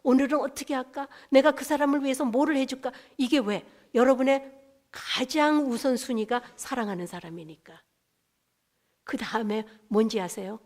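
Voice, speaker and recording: A woman's voice: sits high, moderate pace, a little mellow. A woman pastor giving a conversational testimony sermon, asking the congregation questions and dropping English words into her talk.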